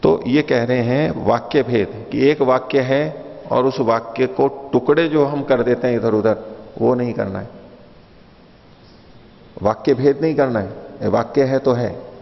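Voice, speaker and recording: The recording is dull and lo-fi, made in a reverberant hall, where a man at medium pitch speaks a little slowly with vocal fry. He lectures patiently on philosophy, explaining with stories, restating and rephrasing his ideas and asking his audience questions.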